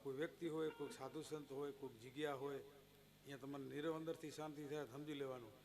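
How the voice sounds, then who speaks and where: A man's voice: medium pitch, steady tone, brisk. A man giving a devotional discourse, telling stories with recited verses and quoted voices. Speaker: devotional storyteller. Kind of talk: devotional discourse at a bhajan gathering.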